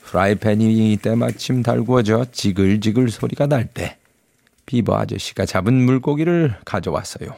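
Male storyteller, scripted storybook narration, lowish pitch, gravelly fry. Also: darkish tone, no room sound, clean studio sound.

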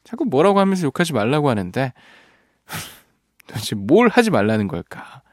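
A man's voice: mid-range voice, very animated, moderate pace, no room sound, studio quality. A man hosting a radio show, reading out listener messages playfully and laughing often. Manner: playful, laughs often, strains voice singing a line. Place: radio studio.

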